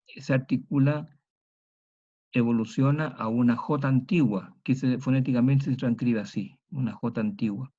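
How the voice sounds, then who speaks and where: Male lecturer, middle-aged, dark mellow tone, methodical, repeats examples, slightly dull lo-fi sound. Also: medium pitch. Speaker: teacher. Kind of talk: university lecture.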